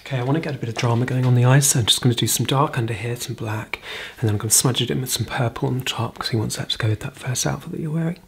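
Woman, ASMR role-play, quick ASMR soft-spoken, creaky soft murmur, brisk makeup artist, close mic, noisy hiss with clicks. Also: extremely low pitch. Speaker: ASMR performer. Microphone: close microphone.

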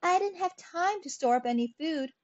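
A woman's voice: very high-pitched, expressive, moderate pace, pitched above the performer's own voice. A woman voicing a starving, humble grasshopper fiddler who whines in a read-aloud fable. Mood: whiny. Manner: whining. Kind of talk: storybook reading. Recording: dull lo-fi recording.

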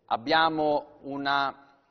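Man, live TV auctioneer, descriptive sales patter, mid-pitched voice, long reverb, dull sound. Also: steady tone, slow.

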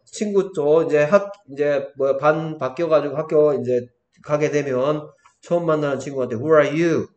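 A man's voice: on the high side, moderate pace, a little mellow, echoey room, highs cut off. A man tutoring English, checking often that his pupil follows. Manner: coaxing teacher, many check questions. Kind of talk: one-on-one English lesson in Korean.

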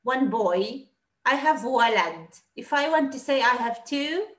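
A woman teaching a class, explaining patiently and repeating words slowly. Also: high-pitched, animated, roomy sound. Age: 30s. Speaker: Arabic teacher.

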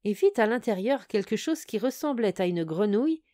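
A woman narrating a classic fairy tale for an audiobook. Her voice sits at an ordinary middle pitch. She tells the story calmly and clearly. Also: normal speed, dry recording, studio quality.

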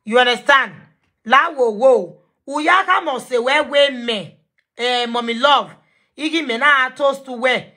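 A woman with a Nigerian accent hosting a live video call, animated and confrontational, mixing Pidgin English. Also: high-pitched, measured pace. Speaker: talk show host.

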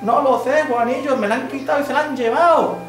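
A man voicing a distraught mother who cries for her lost daughter, in a high, drawn-out wail, recorded from far off in an echoey room. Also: fairly bright tone, faint music behind. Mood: grieving. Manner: high wailing falsetto, drawn out. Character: distraught middle-aged mother, crying.

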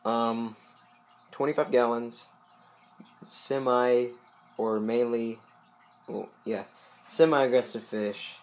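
A young man talks casually to his viewers about his aquarium from beside the fish tank at home. His mid-range voice stays steady and slow with long pauses, a little loose, as he rambles through fillers and asides.

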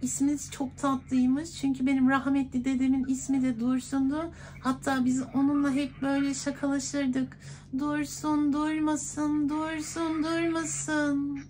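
Man doing a high-pitched coy woman's voice. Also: completely flat delivery, unhurried, a little mellow, slight background noise. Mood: flirty, sweet. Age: 20s. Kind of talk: prank phone call. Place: clothing shop, indoors.

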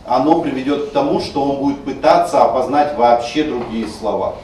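This screencast lecture on Russian stress features a man teaching a class, explaining pronunciation rules and sounding out words to demonstrate. His medium-pitched voice is warm and a little fast. The recording has a very echoey room, a distant mic and faint noise.

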